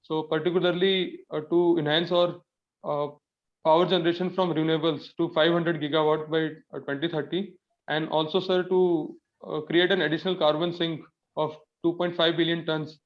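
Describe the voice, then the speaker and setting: A young Indian man with a slightly high voice answers formally as an interview candidate. He sounds nervous and halting, deferring politely to the panel. The recording is dull and lo-fi. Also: flat delivery. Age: young adult. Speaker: civil service candidate in a mock interview. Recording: dull lo-fi audio.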